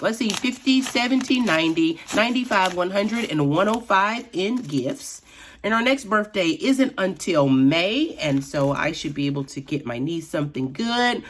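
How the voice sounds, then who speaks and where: A woman with a lowish, slightly raspy voice talks her viewers through her budget in a relaxed, chatty vlog. She counts money out loud as she goes, easy and conversational. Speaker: budgeting vlogger. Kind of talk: casual vlog narration.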